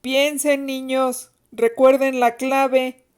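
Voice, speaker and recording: A woman's voice: sits high, slow pace, a little mellow, pitched above the performer's own voice. A woman voicing a taunting, bossy older sister who teases her younger siblings and mimics a strict teacher, in a told story.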